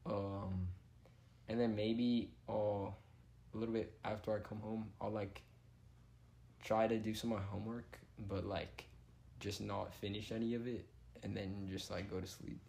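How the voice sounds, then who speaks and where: A man's voice: fairly low pitch, little pitch movement, measured pace, vocal fry, a little mellow. A teenage boy in a casual chat, hesitant and unsure of himself.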